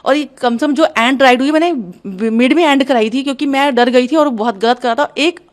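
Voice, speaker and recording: High-voiced woman, urgent and agitated. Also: a little fast. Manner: urgent, agitated, talks straight on. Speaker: interviewee recounting an incident. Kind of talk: emotional first-hand account.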